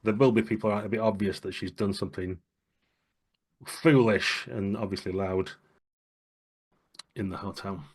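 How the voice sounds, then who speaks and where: A man acting as narrator in a tabletop game, describing the scene in a measured, descriptive way. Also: fairly low pitch, steady tone, breathy edge. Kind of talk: tabletop role-play narration.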